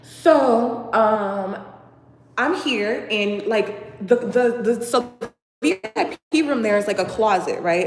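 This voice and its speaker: A young woman from Boston telling a casual storytime, chatty and animated with lots of fillers. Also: mid-range voice, echoey room, long reverb tail. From Boston, USA. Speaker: vlogger.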